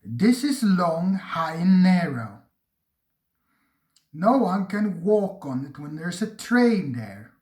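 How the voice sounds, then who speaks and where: An unhurried narrator reads a railway storybook aloud. The pitch moves with lively expression. The voice echoes in a roomy space. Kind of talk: storybook reading.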